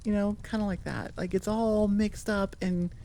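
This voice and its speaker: A woman ends her audio channel with an easygoing, wandering outro, self-deprecating and prone to tangents. Her mid-range voice is gravelly and warm, fairly even in intonation, at a moderate pace. She sits at a computer microphone recording into audio software, with a little hiss or hum.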